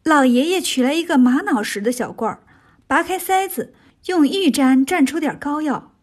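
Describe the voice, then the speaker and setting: A woman narrating a children's story with a lively, expressive delivery. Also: high-pitched, moderate pace.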